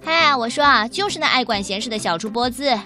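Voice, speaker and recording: A cranky farmyard hen who grumbles and tattles, as a woman puts her on. Her voice sits fairly high in this storybook telling. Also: animated, a little fast, pushed and bright, faint music behind. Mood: grumpy. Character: grumpy clucking mother hen.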